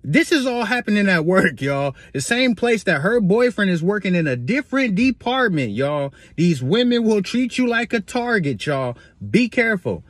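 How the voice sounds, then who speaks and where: A man's voice: high voice, big pitch swings, moderate pace, hardly any pauses, dry recording, studio quality. A man vlogging a casual, emphatic story with preachy asides to his viewers.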